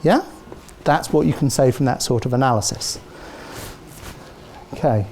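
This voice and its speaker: Here a middle-aged man from Britain lectures at a university in British English, lively and often tossing out "okay?" or "yeah?" to his listeners. His pitch is medium and his pace a little slow. The lapel mic in the big lecture theatre picks up slight background noise.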